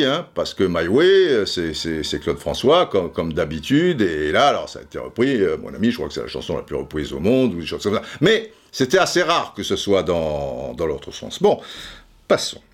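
A man talking casually as a commentator, repeating words as he stammers and swearing now and then. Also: fairly low pitch. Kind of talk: casual chat.

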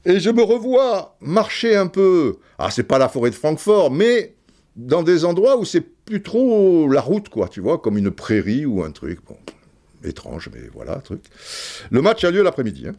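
With a fairly high, mellow voice that swings widely in pitch, an older African podcast host spins a story at a moderate pace. He rambles, using many fillers and starting over often.

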